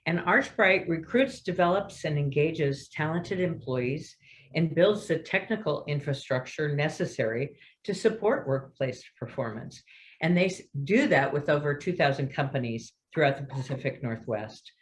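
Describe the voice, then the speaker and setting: A woman moderating a panel, reading out the speakers' biographies in a measured way. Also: low-pitched, lively intonation, rough recording.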